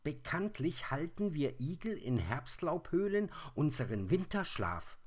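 A man voicing a grumpy male hedgehog woken from his winter sleep, gruff and grumbling. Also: sing-song, a little slow. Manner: gruff, grumbling, shouting in a high voice.

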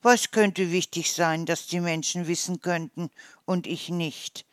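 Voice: medium pitch, fairly even intonation, unhurried, no room sound, clean studio sound, lightly acted. A storyteller voicing a small, curious, naive hedgehog who asks wondering questions.

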